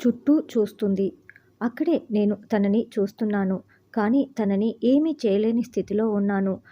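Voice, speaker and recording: A woman reads a heartfelt first-person story aloud in a calm, steady way. Her voice is mellow and dark-toned, sitting at an ordinary middle pitch. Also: normal speed, muffled recording. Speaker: narrator.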